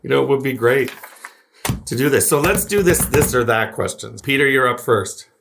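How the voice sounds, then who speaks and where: A man's voice: mid-range voice, moderate pace, creaky, background noise. A man in his forties hosting a podcast, chatting casually with friends, laughing and restarting his sentences. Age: 40s. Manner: warm, laughing, hesitant restarts. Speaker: podcast host. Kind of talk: casual chat.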